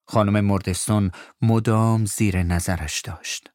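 A man narrating a storybook in a calm, measured way. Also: lowish voice, no room sound, studio quality. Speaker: audiobook narrator.

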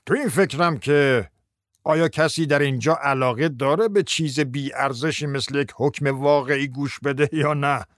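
A man's voice: a little high, no room sound, clean studio sound, natural voice. A man voicing an irritable, sarcastic male judge who grumbles his lines in a raised voice. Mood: grumbling.

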